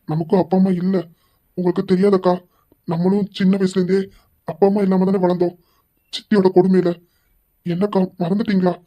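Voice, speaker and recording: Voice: medium pitch, dark tone, natural voice. A performer voicing a regretful middle-aged man, a chairman, pleading with his elder sister in an amateur audio drama. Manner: pleading, remorseful.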